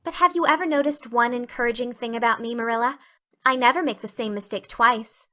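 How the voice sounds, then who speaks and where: A woman's voice: fairly high pitch, a little fast, pushed and bright. A woman voicing an effusive, dramatic orphan girl in an audiobook reading. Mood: earnest, hopeful. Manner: effusive, melodramatic.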